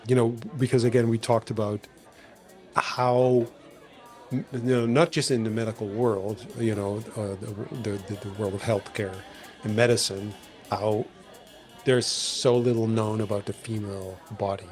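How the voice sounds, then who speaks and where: A man's voice: lowish voice, normal speed, faint music behind. Rambling male podcast host. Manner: rambling, many restarts, animated. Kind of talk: casual conversation.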